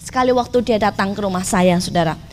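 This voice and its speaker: A woman's voice: medium pitch, fast, darkish tone. A middle-aged woman preacher telling a story in a sermon, often turning to her listeners directly. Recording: faint background noise.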